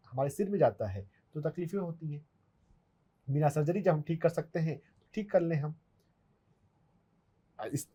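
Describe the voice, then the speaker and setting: A man's voice: a little high, mellow, husky. This is a man, explaining acupressure points patiently and step by step. He speaks as an expert answering a viewer's question. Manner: instructive, step-by-step, demonstrates on his hand. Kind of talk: explanatory health Q&A.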